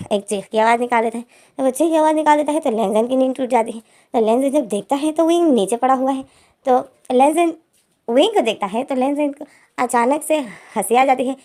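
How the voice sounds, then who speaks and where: Young woman, storyteller, casual retelling, warm mellow voice, fairly high pitch. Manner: repetitive, strings clauses with "so".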